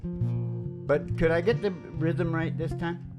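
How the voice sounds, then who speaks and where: A woman who is a radio show host and musician speaks in a deep voice at a slow pace, with loud music behind her. Her banter is casual and rambling as she philosophizes and jokes in colloquial language, swearing along the way.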